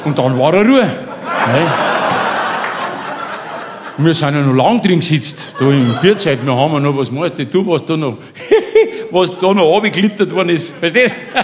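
Bavarian man, slightly high voice, rambling chummy comic storytelling, dialect-heavy. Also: lively intonation, moderate pace, a crowd in the background. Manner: rambling, chummy, keeps asking "gell?".

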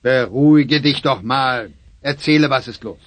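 A man voicing a meek husband who tries to calm his witch wife in a children's radio play. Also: mid-range voice, unhurried, close to an everyday voice. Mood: pleading. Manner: placating, gently pleading.

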